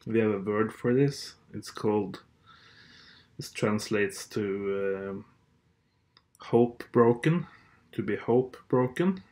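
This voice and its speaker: This Norwegian podcast host, a native speaker of Norwegian from Norway, delivers a casual monologue that is hesitant, blunt and sardonic, packed with fillers and restarts. His voice is on the low side and a bit mellow, moving slowly with long pauses.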